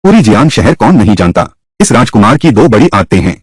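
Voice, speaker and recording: A man dubbing a teasing young playboy prince who loves gambling, speaking with a mocking, playful manner and a husky voice. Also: on the low side, sing-song, a little fast, no room sound. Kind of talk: Hindi dub of a drama series.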